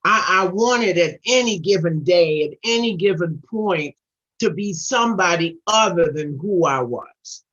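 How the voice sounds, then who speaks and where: A middle-aged woman from Trinidad and Tobago, a guest speaker at a recovery meeting, tells her recovery story in a husky, earnest, expressive voice that is fairly low and a bit bright. Speaking at a measured pace, she repeats words and circles back as she builds momentum, heard through dull, lo-fi video call audio.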